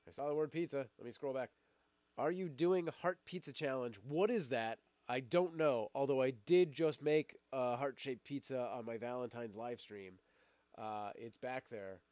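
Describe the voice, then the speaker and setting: Reading out viewer comments on a laid-back live stream, this middle-aged man is battling a cold and wanders through his talk with many fillers, restarts, and frequent laughs. His mid-range voice has a slightly mellow quality. The audio sounds muffled, with no room sound.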